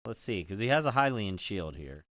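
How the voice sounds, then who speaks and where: A man's voice: lowish voice, sing-song, normal speed, a bit bright, no echo. A man streaming, chatting casually with viewers while he builds. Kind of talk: casual live-stream chat.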